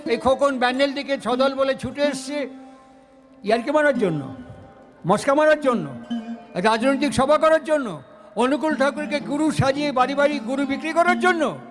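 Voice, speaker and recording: A man with a Bengali accent preaches a devotional sermon with great fervor, firing rhetorical questions and chanting lines of scripture. His voice sits very high for a man. Instrumental music plays clearly behind him. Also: normal speed, long pauses.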